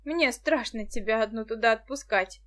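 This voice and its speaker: A woman reading the part of a lively, practical, outspoken girl in an audiobook. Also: fairly high pitch, normal speed, close to an everyday voice.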